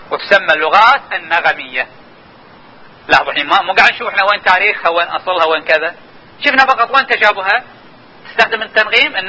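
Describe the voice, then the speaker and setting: Fast, bright-voiced male lecturer. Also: high voice, husky, rough recording. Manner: explanatory, repeatedly urging listeners to watch and notice. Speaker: linguistics lecturer. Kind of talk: classroom lecture.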